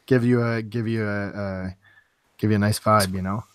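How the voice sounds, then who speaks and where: A man co-hosting a casual podcast chat, with a raspy, husky voice, teasing and laughing often. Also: lowish voice, fairly even intonation, normal speed, no echo, studio quality. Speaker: podcast co-host.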